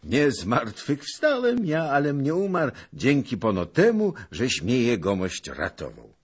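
A crafty young servant fawns over his betters, as a man acts him out. His husky voice is pitched up and eager, unhurried. Storybook reading. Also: huge pitch swings, heavily acted. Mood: cheeky. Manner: eager, fawning. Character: sly young male servant, cheeky and flattering.

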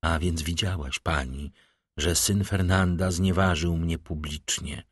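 A man voicing a middle-aged, vengeful nobleman who speaks with icy calm and bitter irony. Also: low-pitched, normal speed, no echo, clean studio sound.

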